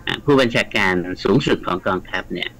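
A man's voice: deep voice, quick pace, creaky, pushed and bright, slightly rough, rough recording. A man, a guest scholar, explaining at length in a radio studio interview, chatty and lecturing, with frequent polite particles. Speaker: guest scholar of the Mekong region.

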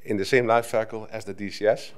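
Middle-aged Dutch man, slightly low voice, chatty conference talk at a lectern mic, restarts a lot. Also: fairly even intonation, quick pace, clean tone. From Netherlands. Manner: conversational, with frequent restarts and filler "right?". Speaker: conference speaker. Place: conference hall stage at a lectern. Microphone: lectern microphone.

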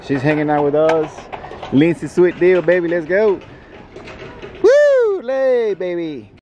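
A man hosting a vlog in a hyped, casual way, loudly greeting friends at a crowded spring outdoors. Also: high-pitched, very animated, takes it slowly. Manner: loud, hyped, shouting greetings. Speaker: vlog host. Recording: outdoor action cam with loud music. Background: loud music and crowd.

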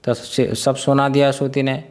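A male spiritual teacher leads a scripture class at a middle pitch. He keeps asking his listeners questions, chuckles now and then, and slowly drills the pronunciation of syllables. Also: little pitch movement, darkish tone. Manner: questioning, quizzes the listeners often. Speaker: Vedanta teacher.

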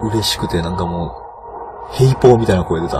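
A man with a Kansai accent giving casual let's-play commentary, excitable and bursting into loud yelps and cries, on a noisy old home recording. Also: deep voice, fairly quick. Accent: Kansai Japanese. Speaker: game commentator.

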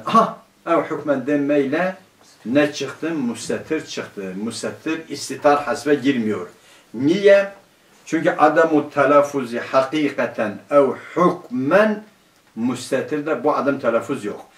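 A male teacher giving a grammar lesson to a class, putting questions to the students and answering them himself, and reading quoted classical phrases slowly. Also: a little high. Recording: roomy, distant room mic.

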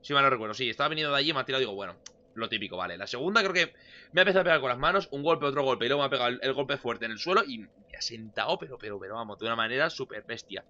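A young man from giving casual let's-play commentary, excitable and swinging between loud outbursts and muttering. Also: medium pitch, racing, lo-fi sound. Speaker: gameplay commentator.

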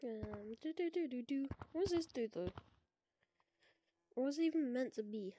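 A woman giving chatty, excitable commentary while playing a VR game, reacting to each new item and humming to herself. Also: sits high, moderate pace, muffled recording. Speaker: gameplay video creator. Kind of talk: casual gameplay commentary. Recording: constant clear background noise.

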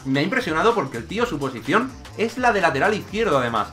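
Young man, bright forceful voice, jokey gameplay commentary, music behind. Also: fairly high pitch. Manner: excitable, jokey, rapid shifts between shouts and mutters. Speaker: gaming YouTuber.

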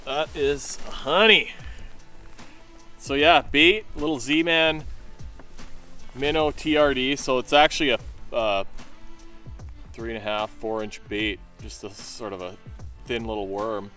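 Relaxed man chatting while fishing. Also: mid-range voice, slow, long pauses, faint music behind. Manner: relaxed, chatty, lots of fillers and restarts. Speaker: fishing guide and angler. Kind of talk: casual fishing commentary. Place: small boat on a lake, outdoors.

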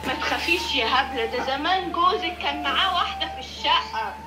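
A woman's voice: high-pitched, lively intonation, quick pace. An Egyptian woman on the phone, gossipy and stirring up suspicion. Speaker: friend on the phone. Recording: distant echoey sound with loud music.

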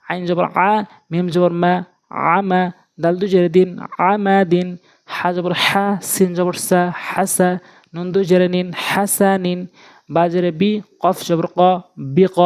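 A Quran reading teacher from Bangladesh with a Bangladeshi Bengali accent, giving a lesson as a steady, repetitive sing-song spelling drill. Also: mid-range voice.

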